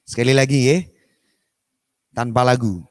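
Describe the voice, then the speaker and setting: A man teaching Quran recitation in an online class, speaking slowly, repeating each example to show how the sounds are pronounced, and slipping Javanese politeness words into his explanations. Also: medium pitch, no echo, studio quality. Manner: slow, repeats examples to demonstrate pronunciation. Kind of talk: tajwid lesson with chanted recitation. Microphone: online session microphone.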